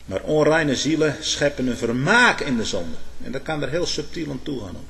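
A man delivering a sermon in an emphatic preaching manner. His voice sits a little high for a man and rises and falls with lively, animated pitch. He often turns to his listeners with short spoken asides. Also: moderate pace, gravelly, a little hiss or hum. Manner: emphatic preaching with sudden swells in loudness and pitch; addresses listeners with "hoor" and "hm?".

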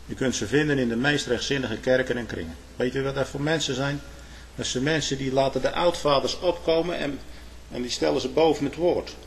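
A man preaching a sermon in old biblical phrasing, swinging from hushed asides to loud proclamations with frequent "hè". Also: medium pitch, brisk, creaky, slight background noise.

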